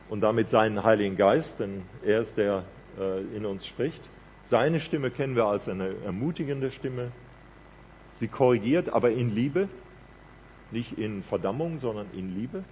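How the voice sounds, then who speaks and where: A man's voice: medium pitch, animated, normal speed, highs cut off, slight background noise. A man preaching a sermon in an earnest, conversational way, often checking in with a "ja?".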